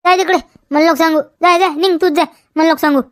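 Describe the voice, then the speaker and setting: A woman's voice: very high voice, fairly even intonation, quick pace, fairly bright tone, no room sound, clean studio sound. Woman playing a bickering village wife. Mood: dismissive. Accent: Vidarbha Marathi. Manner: argumentative, repeats questions, tags "हा?". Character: quarrelsome village wife denying theft. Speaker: comedy sketch actor. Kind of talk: village comedy sketch.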